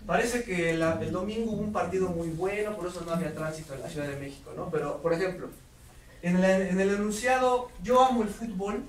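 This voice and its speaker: A man giving a lively workshop lecture to teachers, putting questions to the audience. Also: high-pitched, brisk. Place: lecture hall. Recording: roomy hall audio from far off, faint noise.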